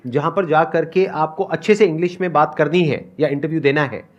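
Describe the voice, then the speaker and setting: A man's voice: a little high, fairly quick, highs cut off. A man hosting a talk show, chatty, with a joking manner. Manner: chatty, jokes about himself. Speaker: show host.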